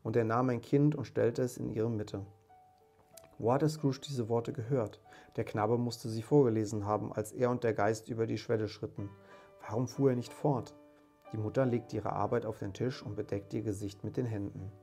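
A man narrating an audiobook of a classic tale in a calm, measured storytelling manner. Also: fairly low pitch, faint music behind.

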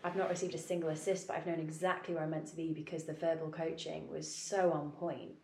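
A woman's voice: sits low, little pitch movement, fast talker, a little mellow, a little hiss or hum. A woman who runs teacher auditions at a yoga studio, talking casually on a podcast, chatty with lots of fillers and laughs. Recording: roomy echoey recording.

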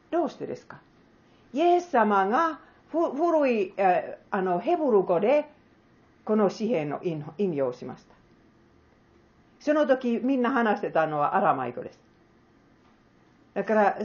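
Woman preacher, earnest sermon delivery, rhetorical questions, animated lilting pitch, dull lo-fi sound. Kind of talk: sermon with closing prayer.

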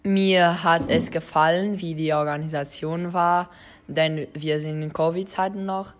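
A young woman answers a school survey with a very low voice. She talks thoughtfully and pauses now and then to find her words. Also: steady tone. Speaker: student interviewee.

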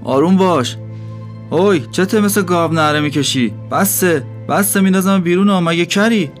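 Man voicing a scornful innkeeper, higher pitched, loud, mocking, scolding. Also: soft background music, natural voice. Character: scornful middle-aged male innkeeper.

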